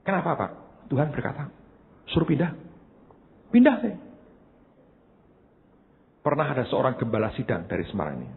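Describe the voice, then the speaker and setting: A man's voice: mid-range voice, wildly swooping pitch, fairly quick, creaky, pauses often. A middle-aged man with a Javanese accent preaching a sermon as a pastor, telling stories with emphatic asides to his congregation. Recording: echoey hall, narrow phone-like sound, faint hiss.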